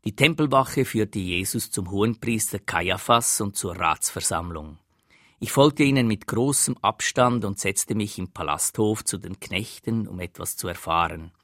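A man's voice: lowish voice, unhurried, sharp tone, no room sound, clean studio sound. A man preaching a sermon as a dramatic, earnest first-person retelling.

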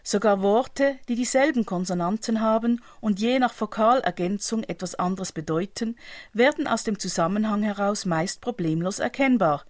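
A woman preaching, giving a calm, measured, explanatory reflection in a scripted style. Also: mid-range voice, dry recording, studio quality.

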